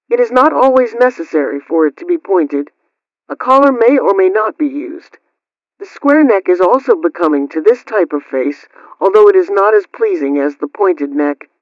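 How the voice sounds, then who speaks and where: A woman's voice: on the low side, no room sound. A muffled, lo-fi old radio sound carries a woman acting as a prim housekeeping aunt of the 1920s. She reads scripted household advice formally and instructively, close and dry, with no room around her. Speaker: radio host.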